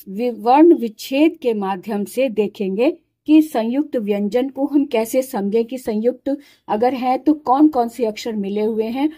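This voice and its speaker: Slow, soft-toned woman teaching letters. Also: fairly high pitch, dry recording. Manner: patient, repeats syllables aloud one by one; explains while writing, pointing at letters. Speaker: Hindi and Sanskrit teacher. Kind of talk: slow step-by-step alphabet lesson.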